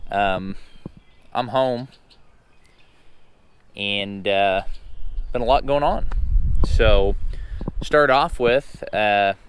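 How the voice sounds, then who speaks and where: A man with a slightly hoarse voice, recovering from losing it, gives a casual vlog update in a folksy, halting, unhurried way. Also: lowish voice, a little hiss or hum. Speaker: truck owner and vlogger.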